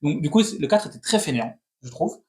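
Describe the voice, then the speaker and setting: A man in his thirties, chatting as co-host of a film review. He rattles his opinions off quickly in a slightly high voice, often restarting his sentences. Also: big pitch swings, mellow. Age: 30s. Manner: opinionated, talks in quick restless bursts with many restarts. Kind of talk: casual film critique chat.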